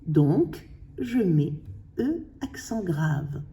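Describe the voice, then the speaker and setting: A woman teaching a spelling lesson, slowly sounding out syllables and letters for her pupils. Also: lowish voice, very animated, dark tone, far from the mic. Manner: slow, carefully sounding out syllables.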